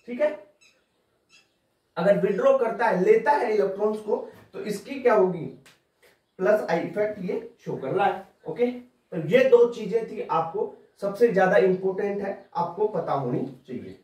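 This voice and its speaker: High-voiced man teaching chemistry. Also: animated, a little slow, a little mellow. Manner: informal, addresses student as "bhai" and "tu", repeats points to drill them. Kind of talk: exam-prep lecture. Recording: roomy classroom audio, mic at a distance.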